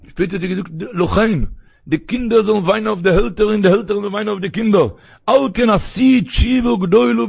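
A high-voiced man rattles through a religious sermon at a rapid clip. His voice is husky with a gravelly edge, and it comes through a tinny, phone-like recording with no room sound. He tells his stories with animation and breaks into raised cries. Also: no room sound. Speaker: preacher.

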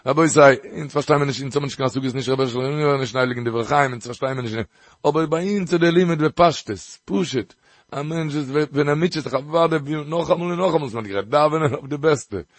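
A man delivers a Torah lecture, telling a story with lively emphasis. His voice sits a bit high for a man. The sound is dry, with no room echo. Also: fast talker. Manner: animated, often rising to emphatic bursts. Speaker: Torah teacher.

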